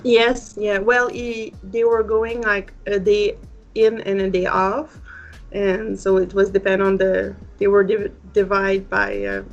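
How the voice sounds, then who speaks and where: A woman in her thirties with an Acadian French Canadian accent answers interview questions in halting, non-native English. Her pitch sits mid-range for a woman. The sound is a slightly muffled video call, with faint music underneath. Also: flat delivery. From northern New Brunswick, Canada. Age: 30s. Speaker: pageant guest. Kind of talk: casual interview chat. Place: indoor room at home, video call. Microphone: webcam video call.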